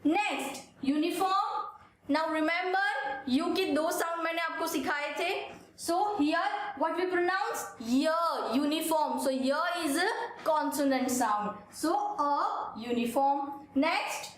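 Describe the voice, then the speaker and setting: A high-voiced woman with an Indian accent gives a grammar lesson. She talks very slowly and deliberately, drilling one example after another. Her voice rings out in a strongly echoing room. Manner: slow, deliberate drilling of examples, asking and answering her own questions. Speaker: English grammar teacher. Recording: very echoey room.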